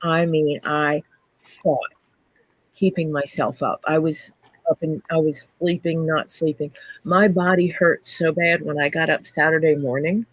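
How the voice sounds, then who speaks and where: On a dry, close mic, a female livestream host with a scratchy sick voice chats casually, greeting viewers by name mid-story. Her low voice holds fairly even intonation at a measured pace.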